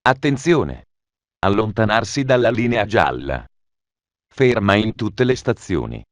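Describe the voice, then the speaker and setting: A man's voice making automated train station announcements, formal and measured, with phrases stitched together. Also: lowish voice, animated, dry recording.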